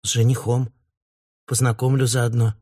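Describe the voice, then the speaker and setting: A man's voice: medium pitch, level tone, normal speed, mellow, dry recording, studio quality, natural voice. A man voicing an anxious young woman in her late twenties, pleading with her mother. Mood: evasive. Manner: pleading, urgent.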